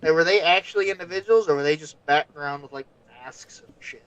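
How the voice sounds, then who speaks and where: A man's voice: fairly high pitch, a little fast, a bit bright, highs cut off. A man co-hosting a casual chat about toys, skeptical and full of questions.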